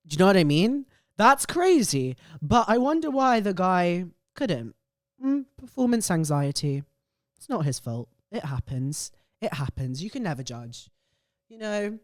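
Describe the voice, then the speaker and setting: A woman's voice: lowish voice, dry recording, studio quality. A young woman hosting a casual, chatty show, gleefully gossiping and reacting emphatically, often repeating phrases for effect. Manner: gleefully gossipy, animated and opinionated. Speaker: show host.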